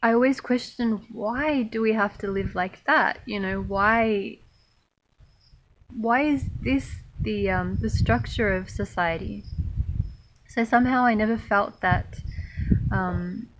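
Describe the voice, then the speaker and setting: A woman raised in Australia, talking thoughtfully to camera about her spiritual path, pausing often with fillers. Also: medium pitch, low-quality recording. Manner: slow, thoughtful, many pauses and fillers. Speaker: spiritual monastic vlogger. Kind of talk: reflective personal talk to camera.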